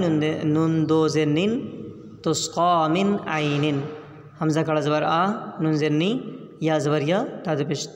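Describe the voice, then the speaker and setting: A man's voice: on the high side, a little hiss or hum. A man teaching Quran reading, spelling out each letter and vowel patiently before reciting the whole phrase. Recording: echoey room, long reverb.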